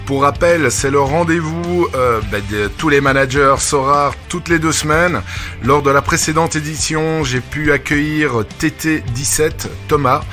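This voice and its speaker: A man's voice: on the high side, a little slow, pushed and bright, faint music behind. A man hosting a podcast, introducing his guest in an upbeat, friendly way and asking questions casually. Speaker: podcast host.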